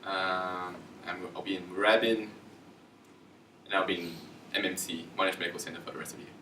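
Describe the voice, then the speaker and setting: A man's voice: low voice, little pitch movement, a little fast, sharp tone, slight background noise. A man giving a casual career talk to students, chatty and informal, acting out quoted dialogue in raised voices. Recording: echoey room, distant from mic.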